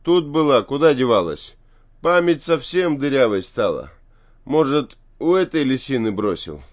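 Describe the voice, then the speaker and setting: A man's voice: mid-range voice, very animated, moderate pace, voice pushed up, lightly acted. A man doing a sly old taiga healer. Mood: sly mocking.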